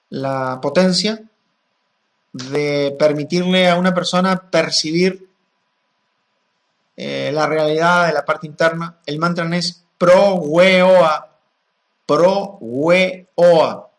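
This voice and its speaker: High-voiced man teaching calmly. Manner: calm, explanatory, chants mantras with drawn-out vowels. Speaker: spiritual teacher answering questions. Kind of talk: gnostic teaching talk.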